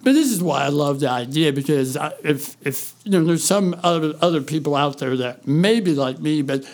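A man's voice: on the high side, moderate pace, a little mellow. A man co-hosting a casual church podcast, explaining things in an earnest way. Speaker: podcast co-host.

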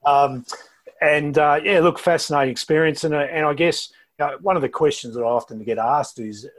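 A middle-aged Australian man speaking as an interview guest over a low-quality video call, talking in a halting way and often repeating words before going on. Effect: low-quality video call audio. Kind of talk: casual interview talk.

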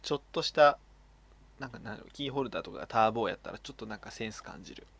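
A man's voice: fairly low pitch, lively intonation, rapid-fire, gravelly, a bit bright. A man co-hosting a casual podcast chat, reading listener mail aloud and laughing often. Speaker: podcast co-host.

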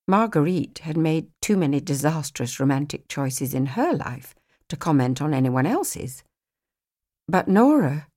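A woman with a low voice narrates a novel as a scripted audiobook, telling the story in an expressive, measured way.

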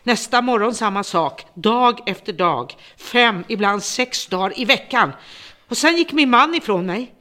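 A woman's voice: on the high side, expressive. An actress playing a worn-out middle-aged woman who has become a bitter, vengeful captor, speaking in a brooding, resentful monologue. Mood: bitter lament. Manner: bitter, brooding monologue turning to hushed menace. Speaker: embittered former home care worker holding a captive. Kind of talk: radio drama acting.

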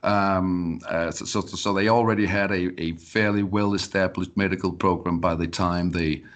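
Deep-voiced Danish man stammering restarts. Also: steady tone, normal speed, fairly bright tone. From Denmark. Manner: many repeated words and restarts. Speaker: podcast guest. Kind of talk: casual interview talk. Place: Colorado.

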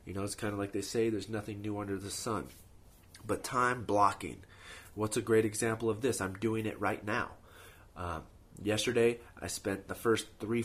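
A man's voice: lowish voice, slightly rough. A man hosting a podcast, talking off the cuff with practical, motivational advice and frequent rhetorical check-ins. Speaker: host of a productivity podcast. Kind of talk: casual advice monologue, speaking off the cuff.

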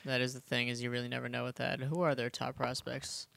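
A man on a casual sports podcast with a smooth, clear voice. He talks with eager energy and reads statistics aloud on a dry, close mic. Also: mid-range voice, completely flat delivery, a bit bright, no room sound. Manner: quick, enthusiastic, reads stats aloud. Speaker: podcast co-host.

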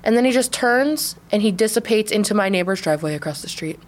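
A woman in her twenties co-hosting a podcast, telling a story in a casual, animated way, full of laughs and "like". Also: medium pitch, fast. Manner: animated, laughing, heavy use of "like". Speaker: podcast co-host.

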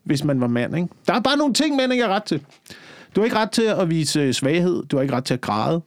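A man's voice: a little high, big pitch swings. A comedian man co-hosting a podcast, talking earnestly and hesitantly with fillers. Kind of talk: casual podcast chat.

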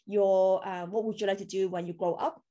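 A woman speaks at a medium pitch, fairly quickly, in a steady, warm tone. She's a Hong Kong crypto coach and native Cantonese speaker, recounting her story on a podcast in a loose, filler-heavy, chatty interview style.

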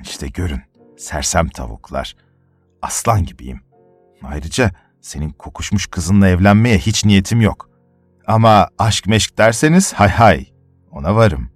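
A man voicing a vain, pompous middle-aged army major who exclaims loudly and boastfully. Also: fairly low pitch, big pitch swings, measured pace, dry recording, faint music behind. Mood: smug.

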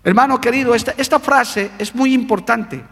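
Fervent high-voiced male pastor, gravelly. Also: moderate pace, a bit bright, long reverb tail. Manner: fervent preaching with call-and-response. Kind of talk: sermon.

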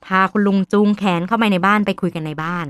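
A woman doctor hosting a podcast who tells a story in a lively way and acts out the voices of the people in it. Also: mid-range voice, fast talker, no room sound, studio quality.

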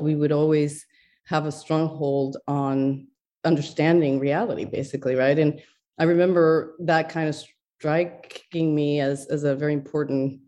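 A woman's voice: low voice, mellow. A middle-aged woman from Ecuador, a neuroscientist, speaking thoughtfully in an interview with many fillers and restarts. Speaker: neuroscientist guest.

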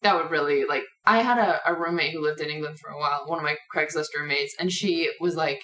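Woman podcast guest, casual and animated, bright tone, recorded a little off-mic in a roomy space. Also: deep voice, quick pace, distant mic. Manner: animated, laughing, slips into quoted voices. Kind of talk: casual chat. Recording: echoey room, somewhat off-mic, faint hiss.

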